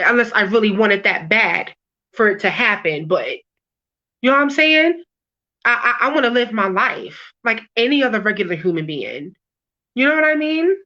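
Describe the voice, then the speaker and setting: Woman artist on a video call, high bright voice, blunt, cusses a lot, dull lo-fi sound. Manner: blunt, swears freely, repeats words as she restarts. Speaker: interviewed music artist. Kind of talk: candid, emphatic interview talk.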